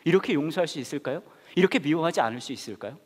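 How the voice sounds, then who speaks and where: A male pastor preaching a sermon, telling stories with lively, acted-out family scenes. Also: racing, in a large hall. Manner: animated storytelling, acting out family quarrels in a high voice.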